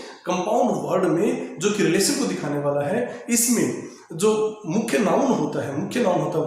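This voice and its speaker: A man's voice: on the high side, darkish tone. A male teacher explaining a grammar lesson, often repeating himself and spelling words out letter by letter. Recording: very echoey room with faint ambient noise.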